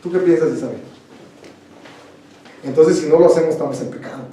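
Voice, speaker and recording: A man's voice: on the high side, a little fast, dark tone. A young man with a Mexican accent preaching an interactive sermon in a church hall. He talks conversationally, makes jokes and quizzes the congregation. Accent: Mexican Spanish. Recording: echoey room, voice from far off.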